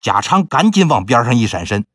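Lively male storyteller. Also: medium pitch, fairly quick, breathy edge, dry recording, studio quality. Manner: lively, conversational, dramatic. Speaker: storyteller host. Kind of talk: folk tale storytelling.

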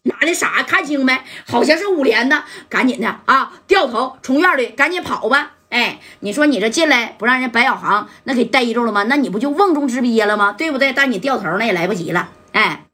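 A woman with a Northeastern Mandarin accent telling a gangster story in a lively, colloquial way, with spoken sound effects. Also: fairly high pitch, a little fast, few pauses.

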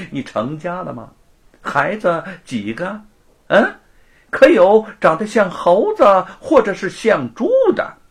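A man voicing a gloating, sneering young rich lord who taunts and cackles in a high, shrill voice. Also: wildly swooping pitch, takes it slowly, fairly bright tone, slightly rough, full character voice.

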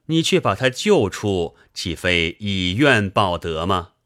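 A man voicing an elderly, learned sailor who lectures and teases in a measured way. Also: deep voice, very animated, a bit bright, exaggerated voice. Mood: wry.

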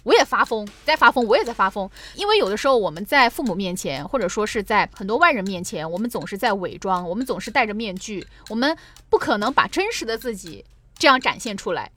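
A woman's voice: medium pitch, very animated, quick pace, fairly bright tone. A woman co-hosting a podcast who talks in a reflective, confiding way during casual chat. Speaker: podcast co-host.

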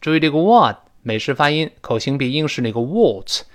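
Lively male English teacher. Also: on the high side. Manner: slow, drawn-out model pronunciations; lively, varied intonation. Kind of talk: spoken English lesson.

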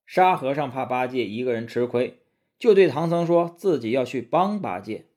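A man tells a classic tale in the style of a children's storybook. His husky, mid-range voice is animated, rising and falling expressively at a normal speed.

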